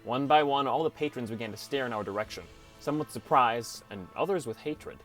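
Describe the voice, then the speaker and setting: The recording is rough, capturing a man's medium-pitched, fairly bright voice that moves briskly and sounds close to everyday speech. He performs as a downcast teenage boy, narrating his gaming adventure in a reflective, wry, understated first-person audiobook style over music.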